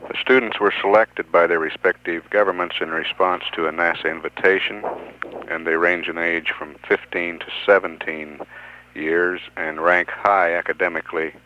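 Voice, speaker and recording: Man, mission control radio announcer: very deep, monotone, radio-filtered, dull 1970s lo-fi. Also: a little hiss or hum. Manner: measured, even delivery with occasional "uh" pauses. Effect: radio transmission sound over a mission control loop. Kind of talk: formal mission status announcement.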